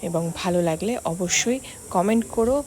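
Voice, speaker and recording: A woman with a West Bengali accent hosts a casual vlog, speaking straight to her viewers in a conversational way. Her voice is medium-pitched at a normal speed, and the on-location recording is noisy with loud ambience.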